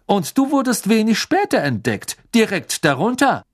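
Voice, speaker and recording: A man's voice: high voice, wildly swooping pitch, normal speed, pitched above the performer's own voice, heavily acted. A man voicing a stern, suspicious middle-aged wizard official who interrogates sharply. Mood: accusing. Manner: accusing, blustering, interrogating.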